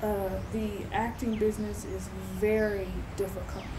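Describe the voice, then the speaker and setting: An American woman from Los Angeles tells her story as a television guest. Her voice sits at a middle pitch, and her delivery is expressive and conversational, with the odd joke. Clear background noise sits under the voice. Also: moderate pace. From Los Angeles, USA. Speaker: guest, writer and founder. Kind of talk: interview storytelling.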